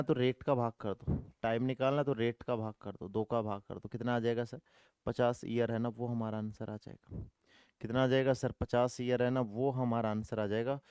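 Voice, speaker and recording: A man's voice: medium pitch, a little mellow, smooth, no room sound, studio quality. A male maths teacher running an online coaching class, repeating each step and answering his own questions, calling students "dear brother".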